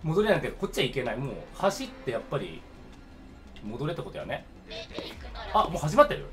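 A young man giving jokey, excitable commentary while playing a game. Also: fairly high pitch, a little fast, over music. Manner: excitable, jokey, reacting out loud. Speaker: game streamer. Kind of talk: let's play commentary.

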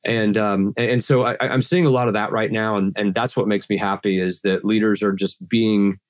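Pollen has left this middle-aged man's lowish voice a little scratchy as he earnestly answers questions as a guest sales trainer on a video-call podcast, frequently starting over. His tone stays steady at a normal speed, with no echo.

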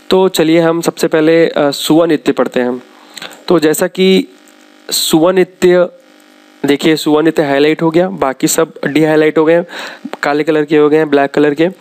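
A man pitched a little above the usual male range leads a slide-based exam lesson. He reels off lists quickly, then slows to explain each point to his students. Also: darkish tone. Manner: brisk, lists items one after another with frequent pauses to explain. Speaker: exam-prep teacher.

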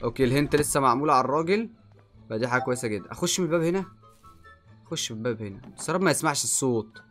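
A young man with an Egyptian accent giving excitable let's play commentary, swinging from muttering to yelling. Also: medium pitch, racing, soft background music. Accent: Egyptian Arabic. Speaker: gaming YouTuber.

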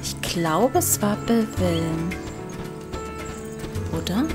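A woman's voice: medium pitch, animated, drawn-out words. A woman giving casual game commentary as a let's player, chatty and thinking aloud. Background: game music.

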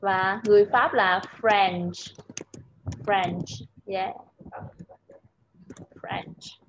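A woman tutor in an online English lesson, patiently saying words slowly so her student can repeat them. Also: medium pitch, steady tone, highs cut off, a little hiss or hum.

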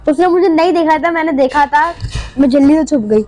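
A woman hosting a gaming channel, giving playful, jokey live commentary over a game with panicky, excitable outbursts. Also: high-pitched, fairly quick.

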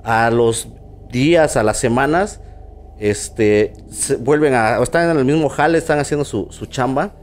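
A man's voice: mid-range voice, measured pace. A man with a Mexican accent hosting a podcast, telling a ghost story in a casual, slang-filled way with lots of fillers. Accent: Mexican Spanish. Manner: slangy, filler-heavy, acts out quoted voices. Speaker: podcast host.

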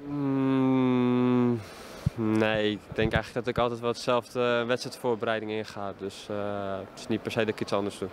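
A young man in his twenties gives a post-match interview as a footballer. His voice sits at an ordinary pitch, and he talks haltingly with frequent fillers. He is recorded outdoors at a stadium on a handheld reporter mic, with faint noise behind him. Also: level tone. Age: 20s. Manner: hesitant, many fillers. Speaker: football player. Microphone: handheld reporter mic held up to him.

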